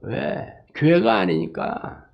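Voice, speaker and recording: A man's voice: on the high side, big pitch swings, slow pace, gravelly, dull audio. A male pastor preaching a sermon emphatically, breaking in with rhetorical tag questions and anecdotes. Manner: emphatic, frequent rhetorical "eh?" tags; tells jokes and anecdotes.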